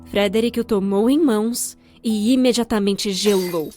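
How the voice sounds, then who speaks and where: A young adult storyteller and fan-dub voice actor with a Brazilian accent narrates a scripted comedic storytime, wry and theatrical. Her mid-range voice has a darkish tone and a slightly slow pace, over faint background music.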